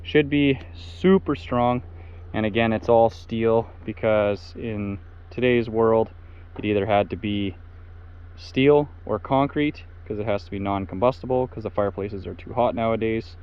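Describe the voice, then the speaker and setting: A young man with a low-pitched voice chats through his building project and explains each step as he goes. The audio is dull and slightly muffled, recorded outdoors on site. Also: unhurried, clear, resonant tone. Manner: chatty, explains the work as he goes. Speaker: vlog host building a home. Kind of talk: casual build-update vlog.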